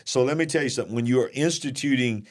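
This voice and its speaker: He speaks very fast at a medium pitch, a Southern US man casually hosting a live online show. The talk is jokey and folksy, with jabs at fake accents thrown in.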